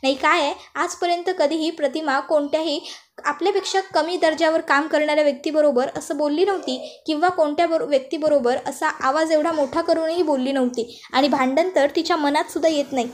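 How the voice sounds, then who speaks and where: Woman doing a strict mother-in-law giving a telling-off, measured, high voice. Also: fairly even intonation, a little hiss or hum, lightly acted. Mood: reproachful. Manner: reproachful, measured. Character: stern middle-aged mother-in-law.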